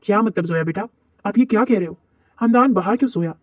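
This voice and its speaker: A man voicing a gentle middle-aged mother who speaks in a calm, soft-spoken way. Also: medium pitch, fast talker, dry recording, lightly acted. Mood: soothing.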